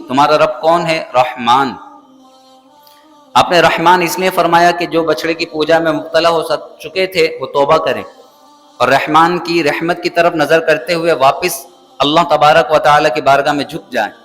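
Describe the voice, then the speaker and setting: A man's voice: on the high side, fairly bright tone. A man from Pakistan teaching a Quran lesson in a mosque. He chants verses melodically, then translates and explains them plainly. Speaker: Islamic scholar teaching the Quran. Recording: long hall reverb, faint music behind.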